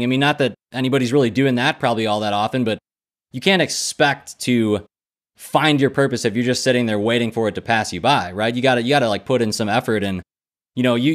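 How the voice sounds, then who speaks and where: A man in his thirties hosting an interview podcast, talking in a friendly, chatty way with a headset mic on a video call. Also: medium pitch. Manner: friendly, chatty, many restarts. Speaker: podcast host. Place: indoor room at home.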